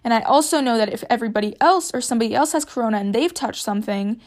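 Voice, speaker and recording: A woman's voice: a little high, racing, a little mellow. A young woman hosting a casual solo podcast, rambling with many fillers and self-corrections. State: hiccups. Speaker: podcast host.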